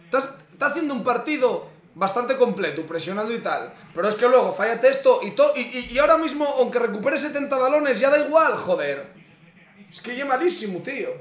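A man's voice: very high voice, lively intonation, a little fast. A young man with a Spain Spanish accent, reacting live to a football match, swearing and exasperated at the screen. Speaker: streamer. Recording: echoey room.

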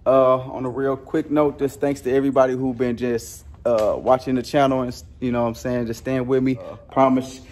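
In this driveway-and-garage vlog, a man in his thirties talks briskly with hardly any pauses, his medium-pitched voice steady and a bit dark. The delivery is loose and rambling, full of fillers, captured on a handheld camera's foam mic.

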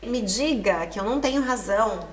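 A woman teaching an Italian lesson to Portuguese speakers, explaining patiently and reading lyric lines aloud slowly. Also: medium pitch, animated, a little hiss or hum. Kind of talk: language lesson. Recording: echoey room, mic at a distance.

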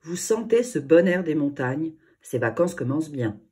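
A woman's voice: deep voice, big pitch swings, normal speed, warm tone. A woman reading a storybook, voicing a cheerful, reassuring father in a jovial tone.

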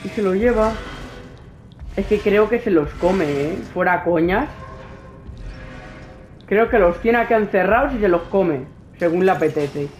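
A man's voice: high-pitched, expressive, measured pace, pauses often, soft background music. A man with a Spain Spanish accent doing let's play commentary, talking to his game character and nervously pleading. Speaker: gaming youtuber.

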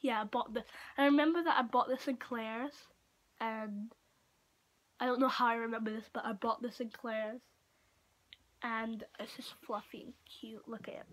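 Chatting to camera in a small room at home, this roughly 15-year-old girl from Portugal does a casual show-and-tell vlog, hesitant, saying "like" a lot and letting sentences trail off. Her voice sits a little high and steady, captured by a built-in device mic held about arm's length away or slightly more.

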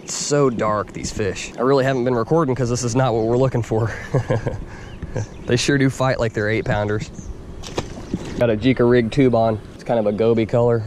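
A tired young man from Indiana, USA runs a fishing vlog from a kayak on a river, speaking at a moderate pace in a mid-range voice and losing it a little. Excited and rambling, he talks to the head- or chest-mounted action camera while fishing. The outdoor audio is noisy.

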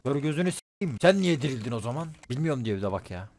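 Excitable young man yelling over a game. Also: medium pitch, quick pace, noisy background. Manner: loud, excitable, swears a lot, yells at teammates. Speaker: streamer. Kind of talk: live gaming commentary.

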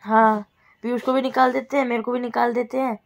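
Young woman vlogger, slightly high voice, chatty and teasing, casual home recording. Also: level tone, brisk. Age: young adult. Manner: chatty, teasing, addresses viewers directly. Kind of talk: casual home vlog chat.

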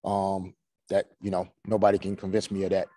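A man in his forties, a head coach answering postgame press questions in a measured way, full of "you know" fillers, over a video call. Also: low-pitched, monotone, warm tone. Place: small room before a team logo backdrop. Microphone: video call webcam.

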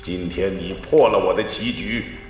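A disembodied voice of an old martial arts master, played by a man, low and solemn. It rings through a long cavernous reverb with faint music behind. He sounds commanding, like an unseen hermit in a kung fu film. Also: normal speed, lightly acted.

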